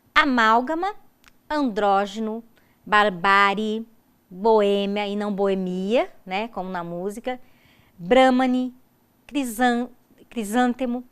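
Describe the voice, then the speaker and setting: A woman from Brazil giving a recorded university lecture, explaining rules step by step and checking in with her students often. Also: fairly high pitch. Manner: stresses example words slowly and loudly. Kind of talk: recorded distance-learning lecture.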